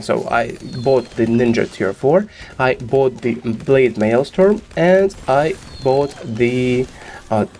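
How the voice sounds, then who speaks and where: Slightly rough and clearly sick, a man hosting a gaming guide walks through game strategy in an instructive way, peppering it with many "uh"s. His medium-pitched voice is a little mellow, and there's slight background noise.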